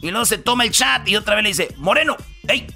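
A man's voice: high voice, quick pace, creaky, music in the background. A man hosting a radio show, telling a joke in slangy talk. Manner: slangy storyteller. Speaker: radio host. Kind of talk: joking radio chat.

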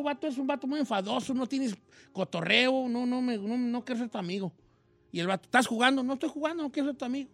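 A man voicing a joking old host with a Mexican accent, chatting casually on radio in a high, slangy, rambling voice. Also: fairly bright tone, no room sound. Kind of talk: casual radio chat, film recommendations.

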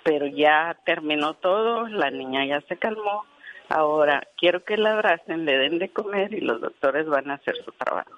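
A woman's voice: sits low, expressive, normal speed, dull audio. A woman calling into a radio show, earnestly telling a story with quoted dialogue, her voice tearful at times. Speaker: radio caller.

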